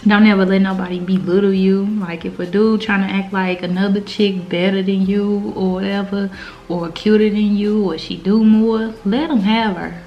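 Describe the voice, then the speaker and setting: A woman's voice: mid-range voice, flat delivery, moderate pace, slight background noise. An American woman hosting a mukbang, giving earnest, informal, slangy advice in casual girl talk while she eats. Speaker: mukbang host. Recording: slightly dull, lo-fi sound.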